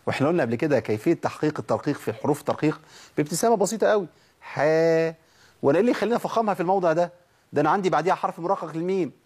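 A man's voice: a little high, darkish tone, slightly rough. A man with an Egyptian Arabic accent teaching Quran recitation, demonstrating each sound and asking and answering his own questions. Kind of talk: tajweed lesson.

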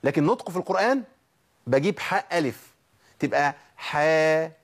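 Fast-talking Egyptian Quran teacher. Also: male voice, a little high, expressive, breathy edge. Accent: Egyptian Arabic. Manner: demonstrates sounds, asks and answers his own questions. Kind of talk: tajweed lesson.

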